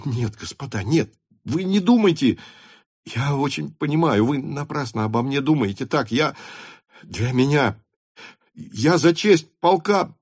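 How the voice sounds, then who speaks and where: A man acting out a young count serving as an officer, proud yet flustered, pleading in halting bursts. The voice is raised higher than the reader's own, close and dry. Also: lively intonation, breathy edge, dry recording.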